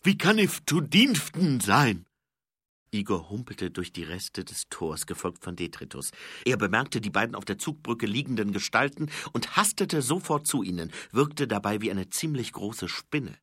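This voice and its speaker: A man reading fantasy narration in an expressive, varied delivery. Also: lowish voice, moderate pace, slightly rough, dry recording, studio quality. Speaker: audiobook narrator.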